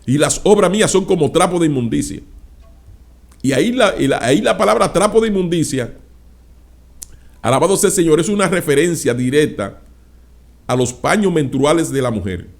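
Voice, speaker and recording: A male pastor preaching a sermon, dropping frequent interjections of praise and acting out anecdotes with loud exclamations. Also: a little high, animated, moderate pace, vocal fry, long pauses.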